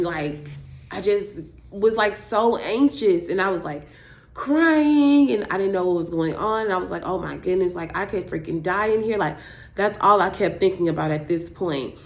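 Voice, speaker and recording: Young woman vlogger, casual storytelling, loose and chatty, filler-heavy. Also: fairly low pitch. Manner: chatty, many fillers like "like" and "you know".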